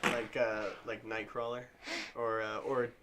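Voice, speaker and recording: A man's voice: on the low side, level tone, measured pace, heavy background noise. Stuffy-nosed young man rambling casually. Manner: rambling, fills speech with "like". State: stuffy nose from a cold. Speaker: podcast co-host. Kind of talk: casual chat.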